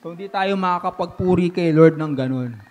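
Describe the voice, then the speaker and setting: Pastor, male, high-pitched voice, animated sermon delivery, slips English into his preaching. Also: a little fast. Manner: animated preaching with sudden swings from loud to hushed.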